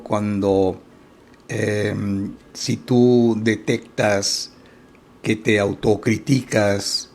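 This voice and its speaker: A man hosting a reflective self-help talk show, speaking in an unhurried, thoughtful way with many pauses and soft "mm" fillers and putting gentle questions straight to the listener. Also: on the low side, gravelly, husky.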